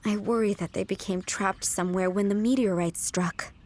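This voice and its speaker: A woman's voice: mid-range voice, steady tone, normal speed, darkish tone, natural voice. A woman voicing a courteous, composed head housemaid in a video game, with polite, formal phrasing. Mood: concerned. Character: poised, courteous adult female head housemaid. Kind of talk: video game character acting. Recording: music under the voice.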